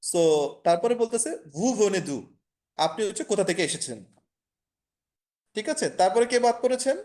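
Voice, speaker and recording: A man's voice: high-pitched, sing-song, unhurried, darkish tone. A man from Bangladesh teaching French over a video call, explaining in Bengali with English and French phrases mixed in and many fillers. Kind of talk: online class lecture.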